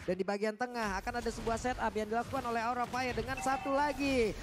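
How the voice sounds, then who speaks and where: An esports commentator calling live play in an animated, dramatic way with casual asides. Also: medium pitch, fast talker, noisy background.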